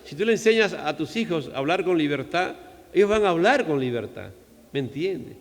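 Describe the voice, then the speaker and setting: Brief: male Peruvian pastor, slightly high voice, chatty sermon, church reverb. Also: animated, a little fast. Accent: Peruvian Spanish. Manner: conversational preaching, frequent "¿no?" asides. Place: church hall.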